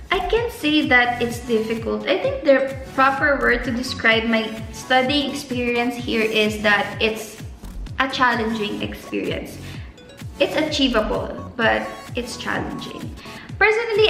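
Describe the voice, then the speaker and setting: In an echoey room with faint music, a young woman from the Philippines vlogs casual, earnest advice, stretching words for emphasis. The Filipino graduate student speaks with a Filipino accent in a gravelly voice that is a little high and fairly bright in tone.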